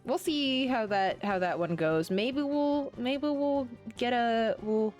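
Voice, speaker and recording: A woman's voice: on the high side, slow pace, darkish tone, faint music behind. A woman streaming a game, chatting casually, rambling and often gushing as she plays. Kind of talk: casual live-stream chat while playing.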